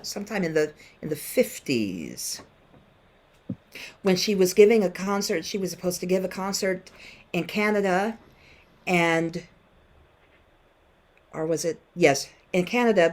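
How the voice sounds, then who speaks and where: A musician in her late fifties guest-teaches a class over video call, telling stories and asking students questions conversationally. Her mid-range voice has lively intonation and a slightly mellow quality, and she speaks a little slowly.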